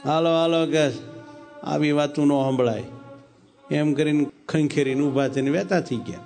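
Animated preacher. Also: male voice, normal speed, faint music behind. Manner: animated storyteller, dramatic shifts in pitch and pace. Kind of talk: sermon storytelling.

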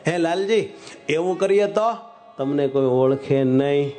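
A man voicing a gentle, teasing divine master in a told religious story, speaking lower than his own voice. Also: measured pace, lightly acted. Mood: amused.

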